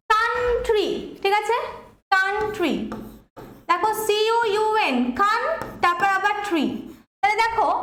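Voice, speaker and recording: A woman's voice: extremely high pitch, fairly bright tone, echoey room. A woman teaching an online English lesson, patiently repeating points and checking that students follow.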